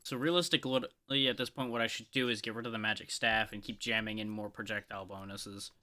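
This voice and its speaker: A man streaming live gameplay, talking through his choices with playful, excitable, mock-boastful trash talk. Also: on the low side, brisk.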